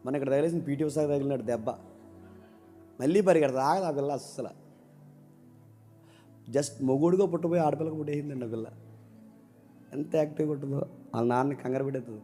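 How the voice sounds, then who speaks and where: A male pastor preaching a sermon who swings between loud outbursts and hushed asides and keeps asking the congregation questions. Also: mid-range voice, fast, pauses often, soft background music. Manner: asks the congregation questions and calls for replies.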